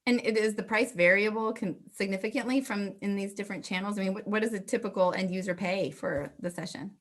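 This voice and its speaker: A woman in her thirties speaks as a judge on a remote panel. Her voice is medium in pitch, and she puts her questions through a computer mic. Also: fairly even intonation, fast talker. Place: indoors on a video call. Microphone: computer mic on a video call.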